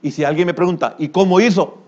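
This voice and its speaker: An older man preaching a sermon as pastor, with a Salvadoran Spanish accent, who bursts into loud exclamations and then drops to a low murmur. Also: quick pace, lo-fi sound.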